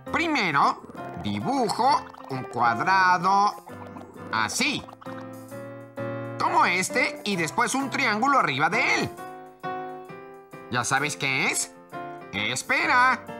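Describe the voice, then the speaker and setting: A fussy, nervous puppet man, slow and fretful, wide pitch swings, music bed. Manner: fretful, sighing, exasperated. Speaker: puppet character in a dubbed children's show. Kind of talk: dubbed children's puppet show.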